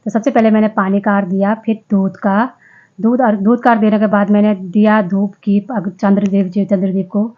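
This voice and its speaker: A woman's voice: medium pitch, little pitch movement, moderate pace, narrow, tinny audio. A woman vlogger narrating her day in a casual voice-over, chatty, often restarting and correcting herself.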